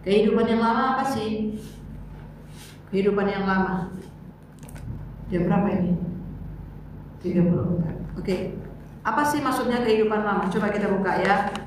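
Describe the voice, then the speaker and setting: A woman's voice: mid-range voice, normal speed, pauses often. A woman teaching a youth bible lesson in church, chatting with the class and calling on students to read. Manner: conversational, calls on students to read. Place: church room. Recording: echoey room, mic far off, faint noise.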